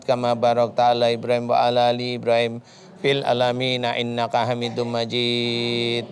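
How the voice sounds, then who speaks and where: Steady flat-voiced ustad man. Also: mid-range voice. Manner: measured, steady recitation of Arabic prayers. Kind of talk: counseling and prayer recitation.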